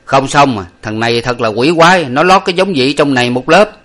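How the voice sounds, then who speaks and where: A man voicing an excitable male household servant who exclaims loudly. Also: medium pitch, a little fast, pitched above the performer's own voice, natural voice. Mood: exclaiming. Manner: loud, exclaiming.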